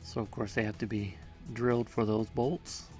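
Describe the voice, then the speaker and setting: A man's voice: lowish voice, flat delivery, moderate pace, warm tone, soft background music. A man narrating his own workshop build in a casual voice-over, explaining each step in a plain, matter-of-fact way with small hesitations. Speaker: home workshop maker.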